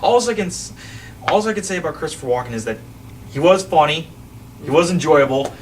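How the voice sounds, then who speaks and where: A man with a slightly high, expressive voice hosts a casual film podcast, speaking briskly and rambling, often restarting sentences. The mic is distant and picks up faint ambient noise.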